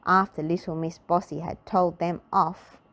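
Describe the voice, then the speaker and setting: A woman reads a children's story aloud in a slightly low, somewhat bright voice with little pitch movement, keeping her narration expressive and measured.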